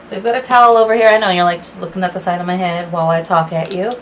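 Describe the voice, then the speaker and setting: A woman's voice: on the low side, steady tone, very fast, a bit bright, a little hiss or hum, poor audio. A woman in her thirties chatting casually to camera at home while dyeing her hair, rambling and apologetic with lots of fillers. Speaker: vlogger.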